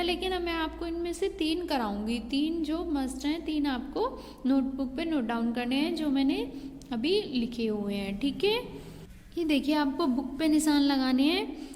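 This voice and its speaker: A woman schoolteacher giving a patient Hindi grammar lesson to young pupils, checking in often and calling them "beta". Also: high voice. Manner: patient, repeats "ठीक है" and "बेटा" to pupils. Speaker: school teacher. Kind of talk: online Hindi class lesson. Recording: long hall reverb.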